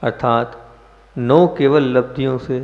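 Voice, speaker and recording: A man's voice: mid-range voice, steady tone, measured pace, vocal fry. A man, a monk, giving a sermon, questioning his listeners and stressing key words for emphasis. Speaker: Jain monk preacher. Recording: dull echoey hall recording.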